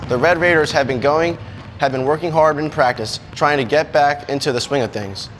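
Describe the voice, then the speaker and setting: A man's voice: on the high side, normal speed, fairly bright tone, soft background music. Upbeat young sports reporter, man. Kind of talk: scripted sports segment.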